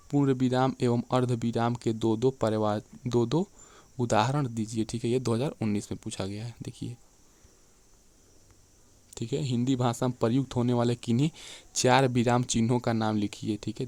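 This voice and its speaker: A man teaching an exam-prep lecture, often checking in with his students and slowing down to read definitions and examples aloud. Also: medium pitch, a little mellow. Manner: keeps checking in with "theek hai" and "dekhiye".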